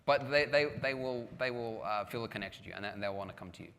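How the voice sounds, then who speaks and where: A man with a lowish, fairly bright voice talks fast with vocal fry, chatting casually and self-deprecatingly at a live conference panel with audience questions, full of restarts and filler words. He's in a large hall with an audience, recorded with long hall reverb and faint background noise.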